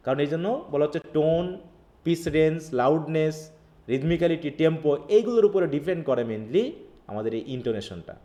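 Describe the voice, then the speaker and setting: A man's voice: a little high, warm tone. A man teaching a live online linguistics class. He reads lines from a text, then explains them in a casual teaching style. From Bangladesh. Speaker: English literature teacher.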